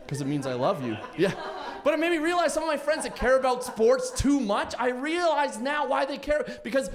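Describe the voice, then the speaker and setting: A man doing a stand-up set, telling rambling stories full of restarts and his own laughter, to a nearly empty room. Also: very high voice. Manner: rambling, self-interrupting storytelling with laughs. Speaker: stand-up comedian.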